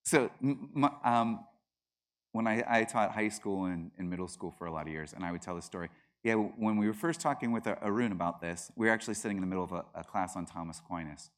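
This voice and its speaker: Lecturing his class at a quick pace in a deep voice, a middle-aged man builds his arguments with mounting emphasis. He animatedly performs the voices he quotes, with occasional bursts of laughter.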